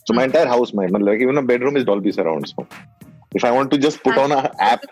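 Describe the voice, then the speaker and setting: A man's voice: medium pitch, expressive, fast, a little mellow, soft background music. A man with an Indian accent chatting casually as a panel guest, joking and often repeating words as he starts. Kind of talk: casual chat.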